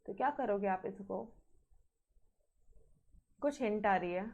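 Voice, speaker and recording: A woman's voice: medium pitch, unhurried, darkish tone, muffled recording. A woman teaching a maths class, mixing Hindi with terms, often checking in with her students and sternly reminding them to practise. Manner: mixes Hindi with English terms.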